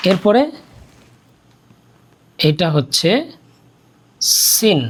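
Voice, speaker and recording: Quran reading teacher drilling arabic letters one by one, super slow and patient, mid-pitched, says every sound twice. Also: slight background noise. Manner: patient, spells out each sound and repeats it.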